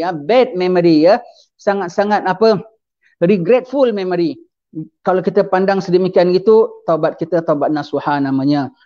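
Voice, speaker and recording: Warm in tone but high-pitched, a man preaches over lo-fi sound. His sermon mixes in English phrases, and he keeps asking his audience questions that he then answers himself.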